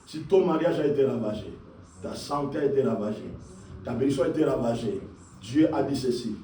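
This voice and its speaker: A male pastor preaching a fervent, repetitive sermon that rises into shouts. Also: mid-range voice, lively intonation, brisk, slight background noise. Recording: echoey hall, distant mic.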